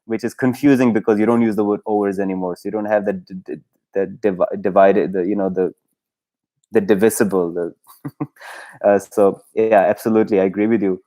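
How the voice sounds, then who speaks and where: Male livestream host, lowish voice, loose rambling delivery full of fillers and restarts. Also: fairly even intonation, a little fast, mellow. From Pakistan. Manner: rambling, hesitant, heavy on fillers, often laughs. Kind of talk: casual solo livestream chat.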